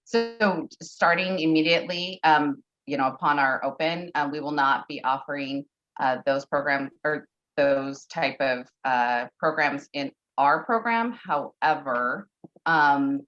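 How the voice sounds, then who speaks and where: A woman's voice: sits low, a little slow, fairly bright tone. A woman on a conference call, answering parent questions in an online info session, hesitant with many fillers. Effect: conference call audio. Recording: dull lo-fi conference call audio.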